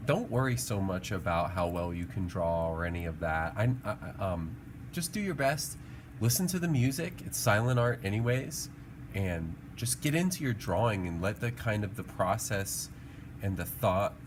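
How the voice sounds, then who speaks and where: Speaking at a normal speed, this man has a lowish voice with lively intonation. He muses aloud through a relaxed drawing tutorial, sounding informal and encouraging like an art teacher, over clearly noticeable background noise.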